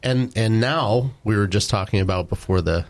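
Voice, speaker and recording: A podcast co-host with a voice on the low side speaks at a normal pace in casual chat. He's blunt and confident, restarting his sentences frequently.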